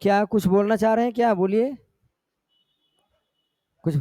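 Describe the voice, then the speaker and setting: A man's voice: high voice, steady tone, a little slow, dark tone, no room sound, studio quality. A male teacher giving a classroom lecture, explaining step by step and often checking in with his students. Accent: Jharkhand Hindi.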